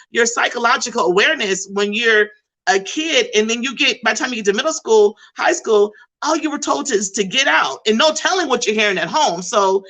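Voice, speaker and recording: A middle-aged woman, a school behavior specialist, telling stories in an animated, emphatic way during a panel discussion. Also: a little high, poor audio. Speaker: behavioral support intervention specialist.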